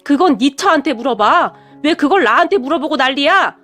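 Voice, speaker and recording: A woman voicing a sharp-tongued older mother-in-law who scolds bluntly in a radio story. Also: high voice, expressive, a little fast, soft background music. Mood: scolding.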